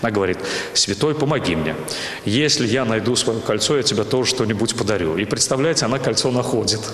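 Inside a small church with an echoey, reverberant sound, a middle-aged parish priest and church rector tells stories in an on-camera interview using a handheld mic. His voice is on the low side, expressive and fast, with a fairly bright tone.

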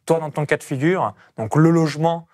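A man's voice: a little high, moderate pace, darkish tone. A man from France with a Burgundy accent, hosting a casual interview and talking emphatically with many fillers. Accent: Burgundy French. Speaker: host.

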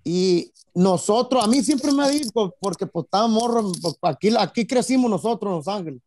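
High-voiced Mexican man chatting loosely. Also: animated, brisk, a little mellow, a little hiss or hum. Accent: Mexican Spanish. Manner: rambling, full of tag questions and fillers. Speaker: guest musician. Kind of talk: casual interview chat.

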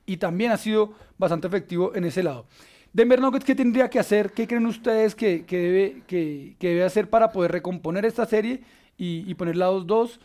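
A man with a Colombian accent hosting a casual basketball panel, enthusiastic and full of filler pauses. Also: high voice, mellow. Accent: Colombian Spanish. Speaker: sports show host.

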